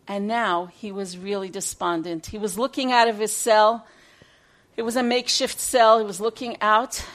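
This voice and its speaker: A woman teaching through a dramatic story, her voice swinging between loud bursts and hushed passages. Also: fairly high pitch.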